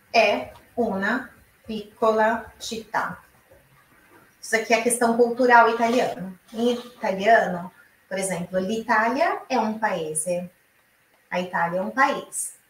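A woman from Brazil teaching an online Italian lesson, explaining slowly and repeating each example aloud. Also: a little high, echoey room, distant mic, slight background noise, poor audio.

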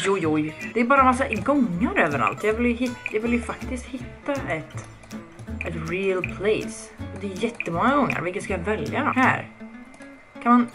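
A young woman giving casual let's-play commentary, chatty and excitable, swearing often and reading game text aloud. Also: lowish voice. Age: young adult. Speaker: gaming video creator. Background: background music.

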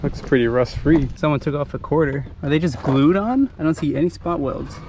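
A man's voice: a little high, a little fast, a little mellow, highs cut off. Man muttering through a noisy junkyard. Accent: American Midwest. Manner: offhand, muttering car names to himself. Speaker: car vlogger. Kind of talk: casual running commentary. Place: outdoor junkyard, later inside a car. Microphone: handheld action camera.

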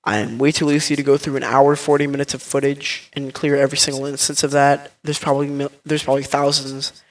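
A man's voice: medium pitch, flat delivery, fast talker, distant mic. A man hosting a video of prank calls, talking casually with many filler words and brash, rambling complaints.

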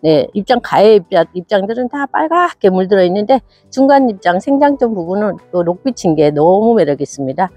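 Bubbly woman showing off succulents, husky voice. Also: medium pitch, sing-song, a little fast, hardly any pauses, mellow, no echo. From South Korea. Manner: bubbly and cheerful, frequent gasps and exclamations. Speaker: succulent plant seller. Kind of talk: casual product showcase. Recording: dull lo-fi sound with faint music.

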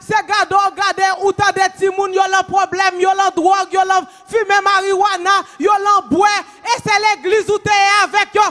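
A middle-aged Haitian woman preaching a sermon in a church, shouting with emphasis into a handheld mic. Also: very high-pitched, level tone, normal speed, hardly any pauses, faint music behind. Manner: emphatic, shouting, switches between Creole and English. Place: church stage, indoors. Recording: long reverb in church hall.

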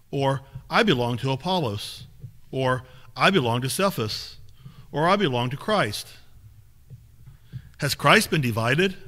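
A man with a fairly high voice reads scripture in a small church sanctuary. His reading is steady and measured, and he sounds picked up from across the room by a distant camera. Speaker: lay reader.

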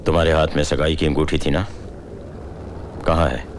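An actor playing a stern, commanding older father who speaks slowly and paternally in a film drama. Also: extremely low pitch, fairly even intonation, a little hiss or hum. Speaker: father-in-law figure, family patriarch.

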